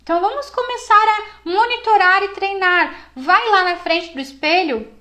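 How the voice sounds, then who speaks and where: High-voiced woman coaching a live class. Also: normal speed. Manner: encouraging, lively and conversational, with many fillers. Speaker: psychologist teaching a class.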